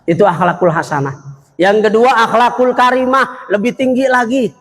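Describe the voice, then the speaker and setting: A man's voice: high voice, normal speed, a bit bright. A man preaching a humorous sermon in a mosque hall, joking and acting out little exchanges, and drawing out Arabic verses in a chant. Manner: jokey, acts out little dialogues. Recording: echoey hall.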